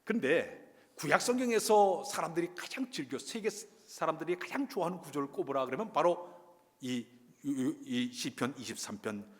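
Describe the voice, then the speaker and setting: A man preaching a sermon as a pastor, delivering it emphatically and swinging between loud, stressed phrases and quiet asides. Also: fairly high pitch, lively intonation, normal speed. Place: church sanctuary. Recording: long church-hall reverb.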